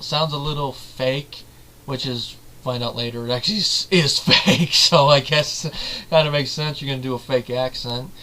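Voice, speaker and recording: A man's voice: mid-range voice, fairly bright tone, a little hiss or hum, poor audio. A man giving a casual, rambling film review, often correcting himself mid-sentence. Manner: rambling, self-correcting, chatty.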